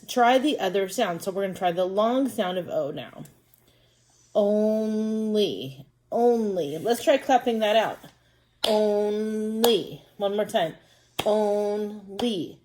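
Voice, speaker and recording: A woman's voice: mid-range voice, darkish tone. A woman teacher giving a reading lesson to first graders, patiently sounding out words and syllables. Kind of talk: reading lesson for young children.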